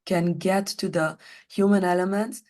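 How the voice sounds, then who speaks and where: Hoarse low-voiced woman speaking slowly. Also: steady tone, a little mellow. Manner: deliberate, slow careful delivery. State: hoarse, voice partly lost. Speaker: podcast guest, coach. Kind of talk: conversational interview.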